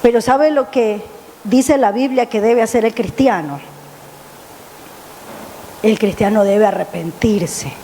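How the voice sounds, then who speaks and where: A woman pastor preaching an impassioned sermon, rising high on questions and dropping low on appeals to her listeners. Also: mellow, a little hiss or hum. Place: church. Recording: church hall with long reverb.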